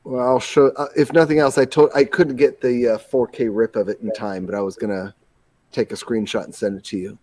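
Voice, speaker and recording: Casting: male podcast host, mid-pitched, close dry sound, enthusiastic and detail-obsessed. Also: flat delivery, fairly quick, darkish tone, no room sound. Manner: enthusiastic, detail-focused, laughs easily. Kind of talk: casual chat.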